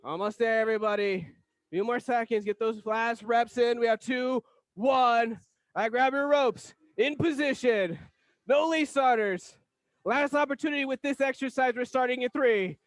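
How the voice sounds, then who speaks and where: Male aerobics instructor, very high register, driving and motivational cueing, dry sound. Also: normal speed, dry recording. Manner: energetic, motivational aerobics instructor calling out cues and countdowns. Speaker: aerobics instructor leading a workout class. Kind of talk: fitness class coaching, counted cues.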